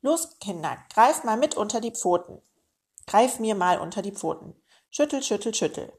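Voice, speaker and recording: A woman's voice: mid-range voice, animated, normal speed, a little mellow, lightly acted. A woman voicing a boastful old male meerkat uncle in a children's storybook, talking in a pompous, self-important way.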